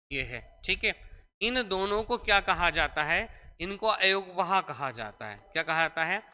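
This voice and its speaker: Young guy teaching grammar, high bright voice, lots of repeating, echoey room. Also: clear, resonant tone. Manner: explains step by step, repeats key points, calls students beta. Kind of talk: classroom lecture. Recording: echoey room with long reverb.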